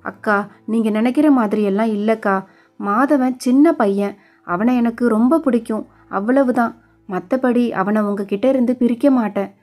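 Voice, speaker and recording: A woman voicing a gentle, affectionate young wife in a storybook reading, speaking softly and pleadingly. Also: on the high side, moderate pace, faint music behind, natural voice.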